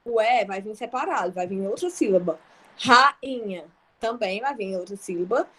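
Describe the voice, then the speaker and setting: A woman's voice: mid-range voice, expressive, moderate pace, bright, forceful tone. A young Brazilian woman teaching an online grammar lesson, explaining patiently with examples and checking that students follow. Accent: Brazilian Portuguese.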